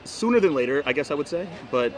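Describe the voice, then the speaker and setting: A man's voice: fairly high pitch, animated, quick pace, noisy background. A man in his twenties in casual couples chat, rambling and emphatic, often repeating himself to press his point. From Florida, United States. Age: 20s. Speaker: boyfriend in couples Q&A vlog.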